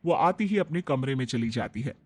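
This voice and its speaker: A woman narrating a storybook family tale in a steady, plain telling. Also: extremely low pitch, fairly quick.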